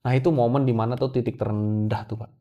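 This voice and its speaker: A man's voice: medium pitch, fairly even intonation, quick pace, warm tone. A young man telling a painful personal story to an interviewer, often addressing him respectfully as sir. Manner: emotional storytelling, addresses host as Pak often. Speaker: guest.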